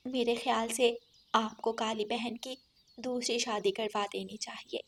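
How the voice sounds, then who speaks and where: A kind-hearted sparrow from a cartoon, speaking softly and reassuringly in a high, light voice, as a woman puts her on. She is calm and caring. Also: unhurried, a little hiss or hum. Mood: gentle. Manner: soft, soothing, reassuring. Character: kind, gentle female sparrow.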